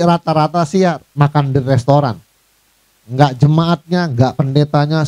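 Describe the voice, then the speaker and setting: A man preaching a conversational sermon as a pastor, lively and chatty, often acting out mocking voices and addressing listeners directly. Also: a little high, no room sound. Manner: lively, acts out mocking voices of proud people.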